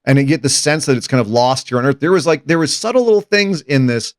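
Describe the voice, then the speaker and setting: A man's voice: mid-range voice, quick pace, no room sound, clean studio sound. A man hosting a casual movie discussion podcast, retelling scenes with enthusiasm. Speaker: podcast host.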